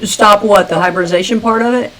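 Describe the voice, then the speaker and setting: A woman's voice: medium pitch, fairly quick, over a noisy crowd. A woman hosting a live talk show, asking probing questions in a conversational, agreeable way.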